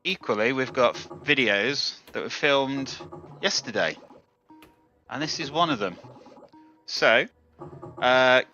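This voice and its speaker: A man's voice: medium pitch, lively intonation, takes it slowly, long pauses, pushed and bright, lo-fi sound, faint music behind. A man casually hosting a live viewer contest, chatting politely and addressing people directly. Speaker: livestream host of a slot-machine contest.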